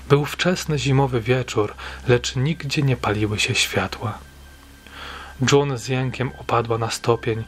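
A man reading a story aloud in a steady, measured way, as an audiobook narrator. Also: medium pitch, breathy edge.

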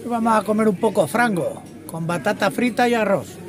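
Standing outside on a windy roadside near the trucks, a middle-aged trucker vlogs to a phone camera at arm's length in a chatty way, calling his viewers artists. He has a high voice and a fairly quick pace, and a crowd can be heard along with the wind and traffic on the noisy phone recording.

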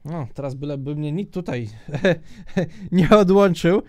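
A young man giving joking, excitable commentary while he plays a multiplayer block-building minigame, often shouting at other players. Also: a little high, slow. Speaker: gaming YouTuber.

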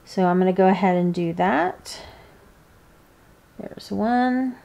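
Slow-paced woman giving craft instructions. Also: medium pitch, creaky, dark tone. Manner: unhurried, informal, with pauses between steps. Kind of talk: hands-on step-by-step instruction. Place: indoors, seated at a work table.

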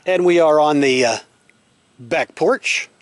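Speaking slowly in a fairly high voice, a homeowner walks a handheld camera he holds through his open, timber-framed house under construction. The tour is unscripted, explanatory and matter-of-fact, recorded outdoors without echo.

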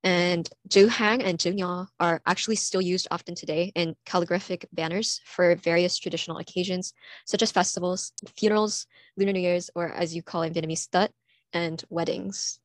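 With a lowish voice and fairly even intonation, a California teenager, from the USA, earnestly reads her prepared student presentation from slides at an online conference. She reads steadily with small pauses into a computer mic, and there's no room sound.

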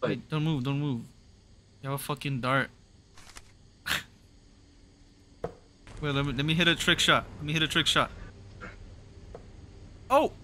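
A young man in casual gaming voice chat, loud, excitable and swearing a lot. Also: on the high side, a little slow, long pauses. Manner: loud, swearing, excitable, makes gorilla noises. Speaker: game player. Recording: noisy voice-chat recording.

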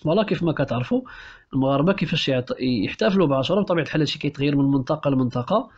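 A man with a Moroccan Arabic accent teaching a French novel for exam prep, explaining quickly and switching between languages with many restarts. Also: fairly high pitch, expressive, darkish tone, breathy edge, lo-fi sound.

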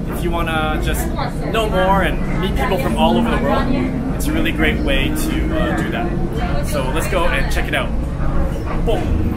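Filming himself on a handheld camera held at arm's length, a thirtysomething Canadian with a Canadian English accent strolls through city streets and bars at night. He chats easily and upbeat, with fillers, in a voice on the high side, and heavy background noise surrounds him.

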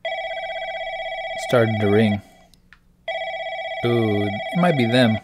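A man's voice: fairly low pitch, drawn-out words, heavy background noise. A man, the host of a gaming channel, playing through a story game, reading its text aloud and reacting in puzzled asides. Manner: reads dialogue aloud in a plain voice between puzzled asides.

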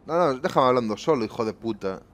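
Cursing gamer, lively pitch. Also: male voice, quick pace. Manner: swearing, exasperated, talking to viewers. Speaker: gaming YouTuber. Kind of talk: live gameplay commentary. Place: home room.

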